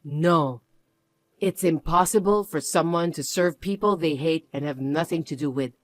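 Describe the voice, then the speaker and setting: A reader voicing a firm, protective mother speaks low, cold and quiet, her contempt unmistakable. The storybook narration is scripted and recorded dry and close, with no echo, a moderate pace and a natural-sounding voice.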